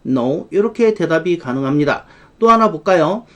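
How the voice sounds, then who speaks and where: Brief: higher-voiced male grammar teacher, lively, drags out the examples. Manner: lively explainer, slows right down to spell out English examples. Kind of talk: online grammar lesson.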